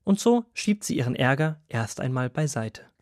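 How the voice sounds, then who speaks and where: A man narrating a children's Bible story in a calm, expressive storytelling manner. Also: medium pitch, moderate pace, no room sound, studio quality.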